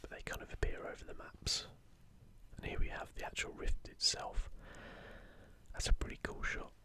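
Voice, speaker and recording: A video host whispers softly in an unvoiced ASMR style, taking her time as she leafs through an art book and comments on it. The tone is hushed and informal.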